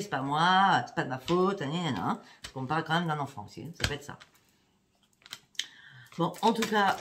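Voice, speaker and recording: A woman doing a tarot reading for her viewers, speaking in a chatty way and often checking in with "hein" and "d'accord". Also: low voice. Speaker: psychic card reader. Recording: steady background noise with clicks.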